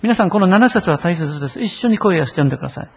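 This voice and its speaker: A man's voice: high-pitched, expressive, racing, breathy edge, in a large hall. A man preaching a sermon in a conversational way, often asking the listeners rhetorical questions. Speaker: pastor.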